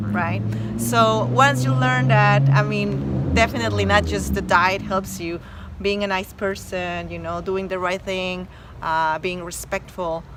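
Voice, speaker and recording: A Mexican woman doctor with a medium-pitched voice and Mexican Spanish accent speaks as a guest in a casual interview chat, earnest and emphatic, full of fillers and restarts. Heavy background noise sits under her voice.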